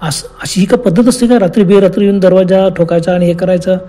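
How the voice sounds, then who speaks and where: A man's voice: high-pitched, quick pace, warm tone, close to an everyday voice. A man voicing a stern, angry father over sixty, commanding in a spoken horror story.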